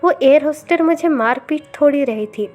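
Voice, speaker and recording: Brief: woman reading as a cold, teasing young husband in a storybook, mocking tone, slightly high voice. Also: moderate pace, a little mellow, faint music behind, lightly acted.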